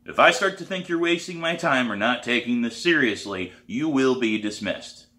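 Man reads a stern adult drum teacher, blunt, demanding, lowish voice in an echoey room. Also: animated, normal speed, fairly bright tone.

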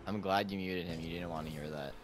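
A man's voice: sits low, steady tone, fast. Young man bantering over noisy game chat. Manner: crude, foul-mouthed banter. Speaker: gamer in a group voice chat. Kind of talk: casual joking chat while gaming.

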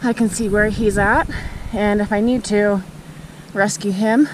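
A woman's voice: mid-range voice, fairly even intonation, unhurried, background noise. A woman vlogging outdoors on a snowy backcountry trail, upbeat and chatty, out of breath. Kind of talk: casual outdoor vlog talk. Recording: loud music bed over the voice.

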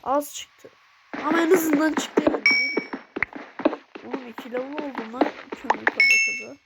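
A woman with a stuffy nose giving chatty, excitable let's play commentary as she plays, swearing playfully. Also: high voice, moderate pace. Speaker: gaming channel host. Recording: loud background noise.

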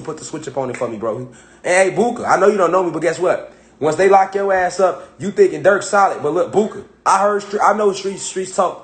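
A man in his thirties giving confrontational reaction commentary, calling out a rapper directly in heavy street slang. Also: fairly high pitch. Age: 30s. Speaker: commentator reacting to rap songs.

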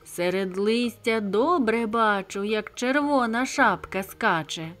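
A woman's voice: a little high, a bit bright, faint music behind. A woman doing a gloating sing-song stork. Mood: sing-song teasing. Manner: slow sing-song teasing. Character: gleeful hungry male stork, sly and boastful.

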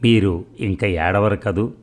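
A shy, earnest young village boy, voiced by a man in a storybook. He speaks timidly yet sincerely, and the voice stays low and deep, close to the reader's own. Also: slow.

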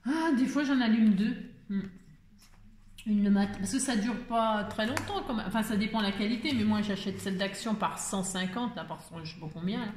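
A woman's voice: mid-range voice, fairly quick, a little mellow, reverberant, slight background noise. A woman vlogger chatting casually and exclaiming as she unboxes crafts, talking to her viewers and to herself.

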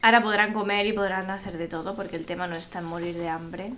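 A woman's voice: fairly low pitch, fairly even intonation, quick pace, fairly bright tone. A young woman with a Spain Spanish accent commentating a life-sim game live, chatty, exasperated and swearing freely. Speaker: streamer.

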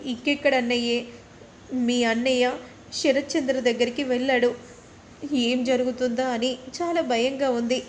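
A woman's voice: fairly high pitch, little pitch movement, normal speed, long pauses, slight background noise, close to an everyday voice. A woman voicing a worried, distressed mother who speaks anxiously, in a serial recap.

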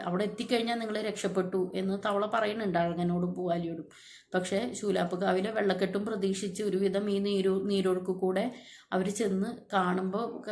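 A woman's voice: mid-range voice, a little mellow. A woman, retelling a textbook story to students in a loose, unscripted way with many fillers and restarts. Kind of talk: casual spoken lesson retelling a story.

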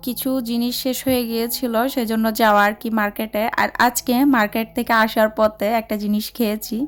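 A woman's voice: a little high, little pitch movement, fairly quick, clean tone. A woman from Bangladesh in casual vlog narration, chatty as she explains a recipe step by step. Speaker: vlogger. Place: mall, indoors.

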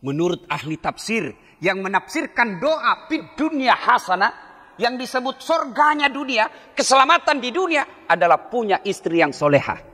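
A man's voice: extremely high pitch, big pitch swings, moderate pace, bright, forceful tone. A man preaching a humorous sermon, joking with the congregation and acting out the voices of husbands and wives. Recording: long hall reverb.

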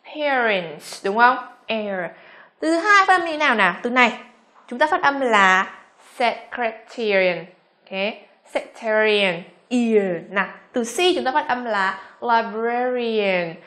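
A young Vietnamese woman teaching English pronunciation, modeling words slowly and quizzing her students. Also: a little high, expressive, pushed and bright. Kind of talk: classroom pronunciation lesson.

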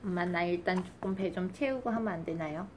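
A woman's voice: fairly low pitch, fairly quick, voice pushed down, lightly acted. A woman voicing her hungry, impatient baby's thoughts, pleading politely with its mother in a whiny tone. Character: hungry impatient baby, politely complaining to mom. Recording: noisy home recording.

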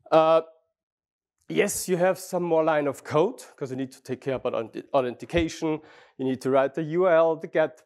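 A man's voice: fairly high pitch, a little mellow. A middle-aged Austrian man with a German-speaking accent giving a friendly, chatty technical talk on a conference stage, often restarting phrases and asking the audience questions. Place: large conference hall.

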